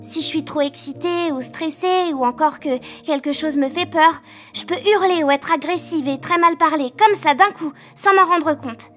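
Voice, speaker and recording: A bouncy, excitable little girl with a very high, piping voice, rattling on fast and loud. It is a children's audio story, with soft music in the background. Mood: excited chatty.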